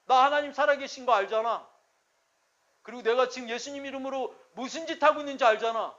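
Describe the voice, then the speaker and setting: A man's voice: very high-pitched, quick pace, a bit bright, lo-fi sound. A man preaching a sermon as pastor. He speaks in an emphatic, conversational way and keeps checking in with rhetorical questions.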